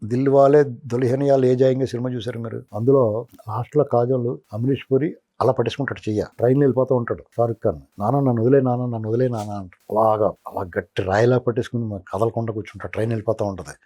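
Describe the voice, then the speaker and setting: A man's voice: medium pitch, fairly even intonation, fast, dark tone. A middle-aged man, a political analyst, giving heated commentary in an interview, rhetorically scolding a politician as "you".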